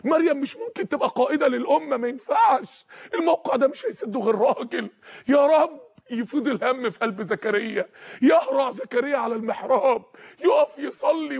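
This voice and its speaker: A male preacher with an Egyptian Arabic accent delivering a sermon, impassioned, shouting and breaking into tears. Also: very high voice, creaky, husky.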